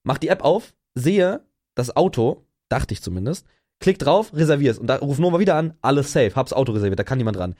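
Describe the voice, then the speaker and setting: A young podcast host in casual chat. He talks fast and animatedly, jumping around in pitch as he plays out both sides of a conversation. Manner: animated storyteller, acts out quoted dialogue.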